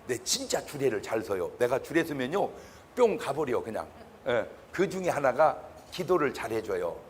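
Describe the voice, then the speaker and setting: Lively, joking male pastor lecturing. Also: mid-range voice, moderate pace, slight background noise. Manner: animated, joking, bursts into shouts. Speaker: pastor giving a public lecture. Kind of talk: humorous public lecture.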